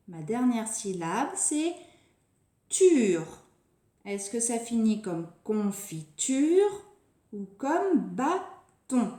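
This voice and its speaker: A woman teaching a phonics lesson to young children, stretching and repeating each word slowly and deliberately. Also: fairly high pitch, dark tone. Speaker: preschool teacher. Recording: echoey room.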